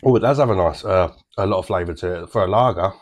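A British man in his thirties with a low voice reviews a beer casually to camera from a small home bar. He talks at a quick pace, chatty and easygoing, with plenty of fillers.

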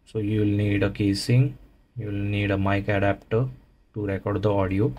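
A man giving a casual, unhurried how-to narration, explaining things plainly step by step. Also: lowish voice, level tone, darkish tone. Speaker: motovlogger, presenter.

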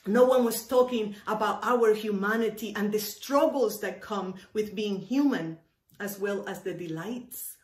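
Here a woman minister born in Cuba gives a sermon at medium pitch, addressing the camera from an indoor space with bookshelves. Deliberate phrasing and repetition lend her emphatic delivery weight. The audio sounds roomy and echoey.

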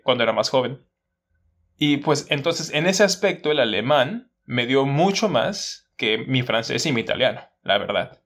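A man's voice: medium pitch, fairly bright tone. A man, talking casually to camera as a language teacher, explaining with examples and asides. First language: Spanish.

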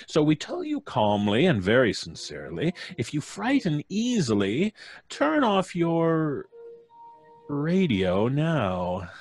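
A man's voice: a little high, pitched above the performer's own voice, full character voice. A man putting on a sinister, theatrical radio horror host. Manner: slow, menacing, theatrical, chuckling. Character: creepy chuckling old-time radio horror host. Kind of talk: 1930s radio horror introduction.

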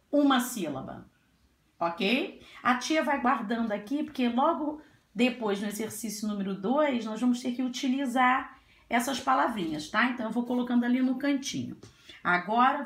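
A woman teacher going through a grammar worksheet for young children, speaking slowly and gently and drawing out each word. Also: fairly high pitch. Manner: slow, drawn-out, gentle teacher talk with diminutives. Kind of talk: slow grammar lesson for children. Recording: echoey room.

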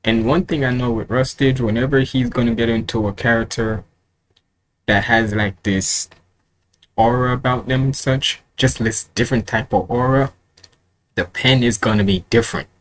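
A reaction video host in his twenties offers casual commentary at home in a room with curtains, rambling colloquially and often repeating himself. His mid-range voice is steady, at a moderate pace. The home recording has noticeable background noise.

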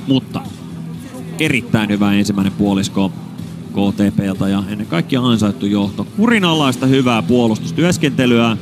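A man doing live play-by-play basketball commentary, rattling off player names and bursting out on big plays. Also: on the low side. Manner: rapid name calls, bursts of excitement on baskets.

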